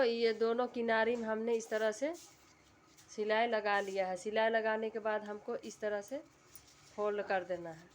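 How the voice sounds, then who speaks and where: Woman, tutorial host, medium pitch, steady instructional delivery, faint background hiss. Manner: calm, repetitive instructional voice-over. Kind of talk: step-by-step sewing instruction.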